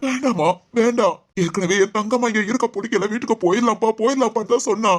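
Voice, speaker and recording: A woman voicing a middle-aged father in an animated family drama, speaking earnestly and with hurt. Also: fairly high pitch, fast, natural voice. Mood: aggrieved. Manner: earnest, pleading.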